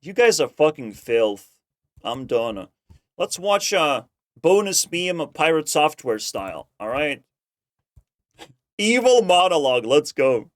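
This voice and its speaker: A man hosting a reaction video with casual, profane, mocking commentary and drawn-out emphasis. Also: a little high, very animated, no echo, studio quality.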